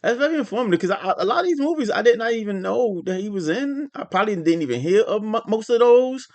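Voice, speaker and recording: A man hosting a reaction video, talking casually in a halting, rambling way with many fillers and restarts. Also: sits high, animated. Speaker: reaction channel host.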